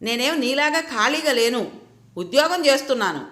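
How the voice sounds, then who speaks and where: A woman's voice: medium pitch, animated, a little slow, fairly bright tone. A woman voicing an irritable, hot-tempered young husband who snaps back, in a roomy echo. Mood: irritated. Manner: snapping, irritated.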